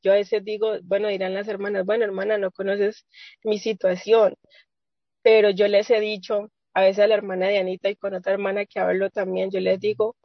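A woman's voice: medium pitch, little pitch movement, fairly quick, dry recording. A woman sharing an earnest, rambling faith testimony with women of her church on a video call, with many restarts. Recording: dull lo-fi video call audio.

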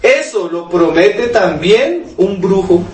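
A man's voice: high voice, expressive, slow pace, a little mellow. A man preaching a sermon, asking rhetorical questions and reading scripture aloud to his listeners. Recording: echoey room, mic at a distance, faint noise.

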